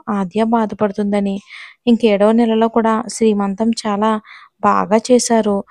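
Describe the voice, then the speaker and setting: A woman reading a serialized romance story aloud to her listeners in an even, steady way, with short direct asides to them. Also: mid-range voice, no echo.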